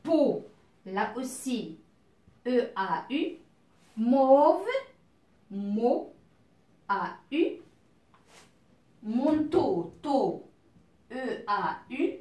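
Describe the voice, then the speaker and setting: A woman with a fairly high, lively voice teaches a beginner reading lesson at a very slow pace. She spells out sounds carefully and asks herself questions aloud before each step. The room around her is echoey. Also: far from the mic. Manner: draws out words slowly and clearly.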